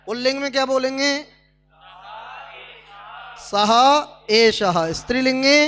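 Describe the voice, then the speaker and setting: A man's voice: very high-pitched, fairly bright tone, slight background noise. A man teaching a Sanskrit class at a speaking camp, drilling students with questions.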